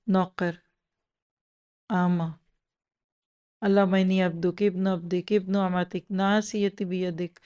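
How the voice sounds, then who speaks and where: A woman's voice: medium pitch, a little mellow. A woman giving a religious lecture on a Quran chapter, asking her listeners rhetorical questions as she teaches.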